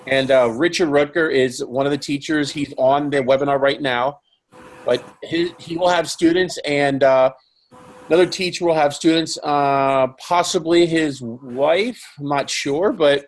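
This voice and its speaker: A man hosting a live online webinar, talking casually with many fillers and restarts. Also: a little high. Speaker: webinar host.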